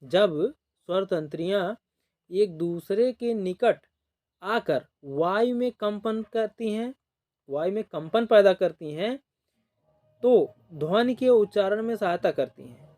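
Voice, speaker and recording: A man's voice: sits high, expressive, slow pace, darkish tone. A man teaching an exam coaching lesson who speaks. He repeats each definition and checks in with short "ok" and "theek" prompts.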